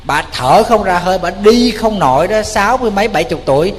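A man with a Southern Vietnamese accent, a Buddhist monk telling a story in a sermon, animated and colloquial, speaking straight to his audience. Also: high-pitched, fast talker, in a large hall.

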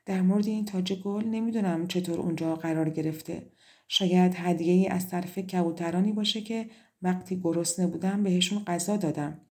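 A bashful, kind-hearted young girl from a storybook, answering softly and modestly, as read by a woman storyteller in her own voice. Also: fairly low pitch, fairly even intonation, lightly acted. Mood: shy.

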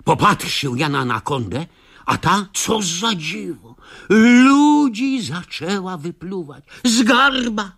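Lively man reading a comic radio tale. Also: high voice, slow pace. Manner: quirky old-fashioned, broken storytelling grammar; lively, theatrical delivery with sudden shouts. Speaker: radio storyteller. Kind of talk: comic first-person story reading.

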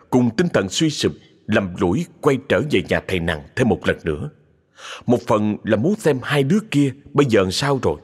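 A man reading a horror story in a dramatic, expressive narrating voice. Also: fairly low pitch, breathy edge.

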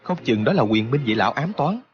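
A man voicing a gentle young male hero in an audiobook, speaking in a calm, soothing way. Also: medium pitch, brisk, dull audio, a little hiss or hum, lightly acted. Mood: reassuring. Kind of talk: audiobook character voice.

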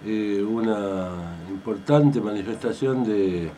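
Deep-voiced Argentine co-host, slow and deliberate. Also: male voice, dark tone. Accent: Argentine Spanish. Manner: deliberate, with many pauses and fillers. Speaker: radio co-host. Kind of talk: casual radio talk. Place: radio studio. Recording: distant mic with faint noise.

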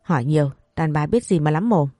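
A narrator voicing a sly, bossy peasant husband, talking quickly. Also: medium pitch, expressive, dark tone, no room sound, studio quality, lightly acted. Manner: bossy, crafty, brusque.

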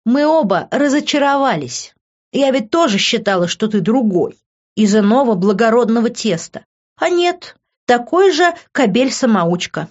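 A woman reading an audiobook, voicing a furious young woman who shouts, curses and mocks. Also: on the high side, lively intonation, normal speed, pitched above the performer's own voice. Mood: scornful. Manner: shouting, cursing, scornful. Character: furious young woman, sharp-tongued, betrayed. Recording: dull lo-fi recording.

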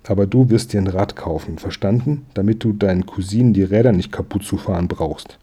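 A man's voice: low voice, fairly quick, warm tone, husky. A man doing a cheeky, bossy young girl. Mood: sassy. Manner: sassy and bossy.

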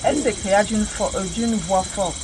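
A woman's voice: medium pitch, normal speed, crowd noise. A woman taking part in a heated religious debate, defensive and repeatedly trying to explain her point. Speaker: debate participant. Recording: noisy background.

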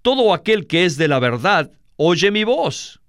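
A man voicing a calm, solemn male teacher in a Bible reading, speaking slowly and gravely. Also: high-pitched, no echo, clean studio sound, heavily acted.

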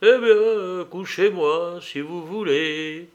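A man reading the part of a dying older man who murmurs hoarsely, slowly, with long pauses. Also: on the high side, animated, lo-fi sound, pitched above the performer's own voice, exaggerated voice. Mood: weak, hoarse.

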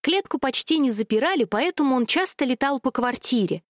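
A woman reading a children's story aloud with gentle, expressive narration. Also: sits high, brisk, no room sound, studio quality.

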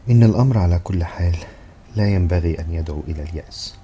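A man reading the part of an earnest, excitable young man in love, in an eager, pleading way. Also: sits low, rapid-fire, breathy edge.

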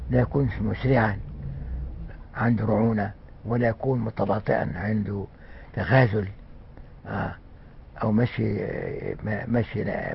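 An older man with an Egyptian accent giving a conversational religious lesson, often pausing with fillers and restarting words. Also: lowish voice, gravelly, a little hiss or hum. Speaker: religious scholar. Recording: muffled lo-fi recording.

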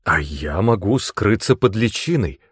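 Audiobook: an eager young apprentice boy, as a man plays him, raised, pleading, very lively. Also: lowish voice, measured pace, slightly rough, dry recording, studio quality, full character voice. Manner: pleading, enthusiastic. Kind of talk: audiobook character reading.

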